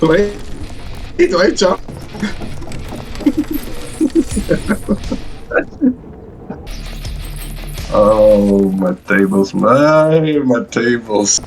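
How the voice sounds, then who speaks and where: Over soft background music, a man with a fairly low voice talks extremely slowly yet very animatedly during casual gameplay chat with a friend in a co-op game. He laughs, teases playfully and calls out moves in shouts.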